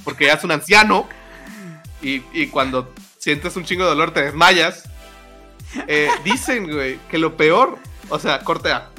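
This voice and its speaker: A man's voice: a little high, lively intonation, measured pace, bright, forceful tone. A Mexican man co-hosting a podcast, retelling a grim news story in slangy, laughing casual chat, with faint music underneath. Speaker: podcast co-host.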